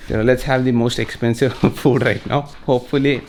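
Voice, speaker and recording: Indian guy vlogging, talks really fast, jokey, bit of hindi mixed in, noisy background. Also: medium pitch, fairly even intonation, a little mellow. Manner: joking, playful, mixes Hindi into English. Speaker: vlog host. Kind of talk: casual chat to camera. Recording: noisy handheld vlog recording.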